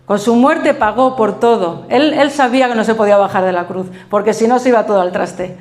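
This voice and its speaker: Laughing along the way and acting out quotes, a middle-aged pastor with a Spain Spanish accent tells her sermon as an animated story. She speaks a little fast in a fairly high voice, and the recording is reverberant.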